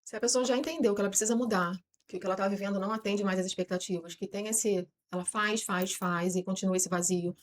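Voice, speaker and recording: A woman's voice: medium pitch, fast talker, hardly any pauses, a little hiss or hum. A woman with a Brazilian Portuguese accent, a podcast guest explaining her views at length and acting out what people tell themselves. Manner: lively, voices imagined people's thoughts. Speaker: guest on self-knowledge podcast.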